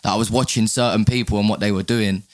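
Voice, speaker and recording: A man with a lowish, steady voice talks quickly in an urban London roadman accent, full of slang. He's a podcast guest chatting candidly and casually, often repeating his words.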